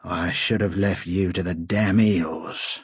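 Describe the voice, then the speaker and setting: A man voicing a wary, sharp local woman. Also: low voice, steady tone, slow, slightly rough, no room sound, studio quality, heavily acted. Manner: sharp, anxious.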